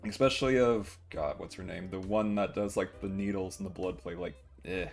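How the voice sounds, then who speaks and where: A man's voice: low voice, normal speed, vocal fry. A young adult man livestreaming, chatting casually and rambling to viewers with occasional acted-out quotes. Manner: rambling, chuckling, acts out short quotes. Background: guitar music.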